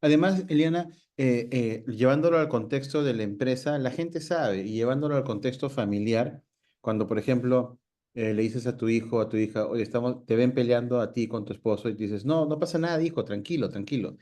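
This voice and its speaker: Here the Peruvian host has a medium-pitched, dark-toned voice and talks a little fast. It's relaxed conversation: he muses reflectively, invites the guest's perspective, and leans heavily on fillers.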